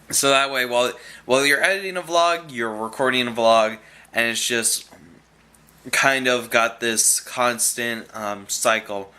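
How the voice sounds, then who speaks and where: A man's voice: medium pitch, pushed and bright. A young man chatting casually in a rambling vlog, chewing gum as he talks and often restarting his sentences. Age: young adult. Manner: rambling, full of fillers and restarts; chewing gum while talking. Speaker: vlogger.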